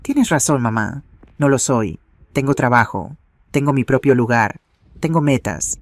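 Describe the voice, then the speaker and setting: A man voicing a humbled young adult son in a story, speaking earnestly and softly, in a dry close sound. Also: mid-range voice, lively intonation, measured pace, no echo. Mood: remorseful.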